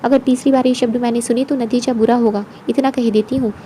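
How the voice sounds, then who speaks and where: A woman voicing a proud housewife, kind but quick to take offence. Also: a little high, fairly even intonation, a little hiss or hum, close to an everyday voice. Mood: indignant. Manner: firm, sharp when insulted.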